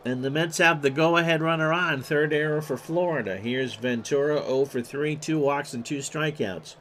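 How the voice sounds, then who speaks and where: A man's voice: a little high, normal speed, fairly bright tone, a little hiss or hum. A man doing play-by-play commentary of a replayed baseball game, reeling off stats in clipped lists and erupting on big plays. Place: home streaming setup.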